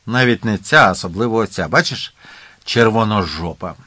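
A man's voice: on the low side, moderate pace, sharp tone, dry recording. A man doing a smug, teasing teenage boy. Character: cheeky teenage boy, mocking friend.

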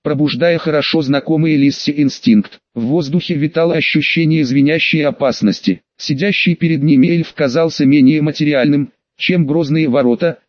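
A man with a slightly high voice reads a fantasy audiobook in a steady storytelling manner. The recording is close and dry, with a dull, muffled top end. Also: normal speed, few pauses, no echo. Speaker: audiobook narrator. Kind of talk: scripted narration.

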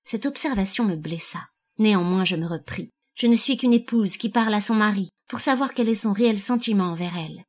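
A woman's voice: medium pitch, a little fast, few pauses, a little mellow. Woman narrating a first-person novel. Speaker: audiobook narrator.

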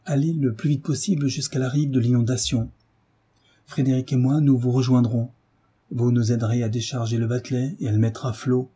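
A man doing a firm, steady mentor. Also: medium pitch, fairly quick, slightly rough. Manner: firm, urgent commands.

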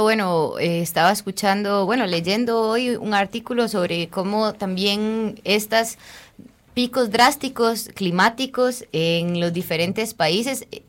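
Female radio co-host, mid pitch, relaxed conversational delivery. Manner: conversational, pausing to find words. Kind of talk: community radio talk.

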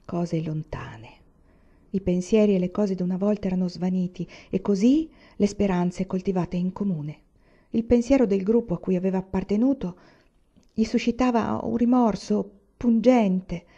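A woman narrating a novel aloud in a measured, expressive reading. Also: medium pitch, lo-fi sound. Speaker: reader of audiobooks. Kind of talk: audiobook narration.

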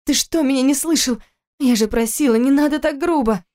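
A frightened young pregnant wife, pained and urgent, put on by a woman reading the story. The voice sits high above the reader's own and pleads through each line. The tone stays soft and warm. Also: quick pace, close to an everyday voice. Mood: panicked.

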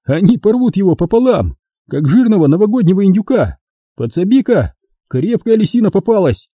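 A man voicing a crude, hot-headed male partner who talks rough and blunt in an audiobook. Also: high voice, sing-song, brisk, mellow, no room sound, pitched above the performer's own voice, exaggerated voice. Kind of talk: audiobook reading.

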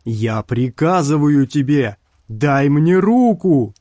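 A sinister warlock bellows slow, drawn-out orders, as a man voices him. The voice is pushed up high and loud. The recording is dry and close. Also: animated, no echo. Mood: raging. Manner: commanding, shouted, drawn out. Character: sinister male warlock summoning a worm.

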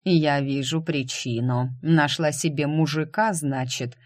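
A man's voice: fairly high pitch, measured pace, no room sound, studio quality, close to an everyday voice. A man voicing a middle-aged ex-husband in an audiobook, insincere and sneering. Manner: falsely cheerful, then sneering.

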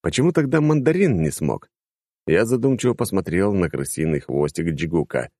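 Deep-voiced man narrating lively. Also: moderate pace, no echo, studio quality. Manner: lively, wry, sweeping pitch. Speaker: audiobook narrator. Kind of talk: first-person scripted narration.

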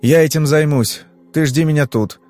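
Audiobook role: male reader as a calm investigator, curt, steady questioning. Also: on the high side, faint music behind, pitched above the performer's own voice, lightly acted. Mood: brusque. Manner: measured, terse questioning.

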